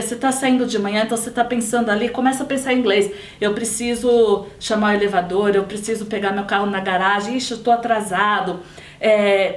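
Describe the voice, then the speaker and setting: A woman's voice: on the high side, far from the mic. Woman, Brazilian accent, English teacher, explanatory, roomy echo, set back from the mic. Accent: Brazilian Portuguese. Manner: explanatory, repeats and rephrases points. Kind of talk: online English lesson.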